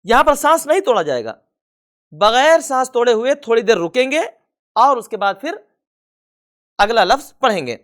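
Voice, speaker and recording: A man teaching a recorded tajweed lesson, patiently repeating each rule and reciting the examples slowly and drawn out. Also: extremely high pitch, very animated, a bit bright. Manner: slow, drawn-out recitation of examples between plain explanation. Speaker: Quran reading teacher.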